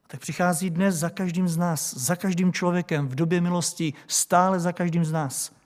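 A man's voice: high-pitched, fairly even intonation. A male preacher delivering a sermon, questioning his congregation with rhetorical questions.

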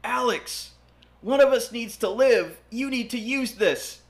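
A young man voicing a brash young male hero, yelling melodramatically. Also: a little high, slow. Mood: desperate.

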